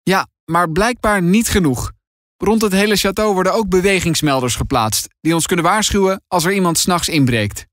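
A man's voice: high voice, normal speed, a bit bright, no echo, clean studio sound, voice pushed up. A man voicing a caring, worried mother in a storybook reading, concerned but firm.

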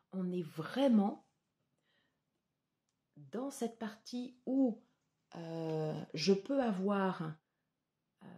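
A woman giving a tarot reading to her viewers, slow and hesitant with many fillers. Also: medium pitch, dark tone. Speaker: tarot reader.

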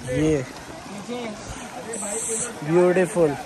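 This young travel vlogger talks extremely slowly to his phone, held at arm's length, while trekking through a forest, still chatty and enthusiastic as he walks. His slightly high voice keeps fairly even intonation, with a crowd in the background.

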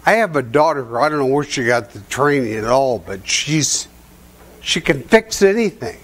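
A man's voice: mid-range voice, big pitch swings, normal speed, fairly bright tone. An older man giving a seminar talk in a hotel conference room, with a folksy storytelling manner, chuckling at his own stories. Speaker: seminar presenter.

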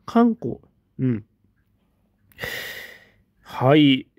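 A man in a casual livestream, reading out viewer comments and giving short, relaxed replies. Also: medium pitch, extremely slow, no room sound, lo-fi sound. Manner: relaxed, reads comments aloud with brief replies.

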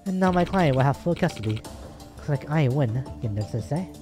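A man's voice: on the high side, lively intonation, fairly quick, over music, natural voice. A man voicing a smug, condescending male lawyer, the villain of a video game story. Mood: gloating.

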